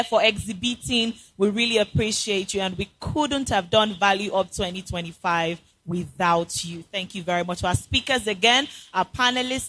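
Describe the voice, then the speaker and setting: A woman's voice: fairly high pitch, bright, forceful tone, poor audio. A woman hosting an event as MC with polished corporate enthusiasm, rallying and exhorting the audience. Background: music.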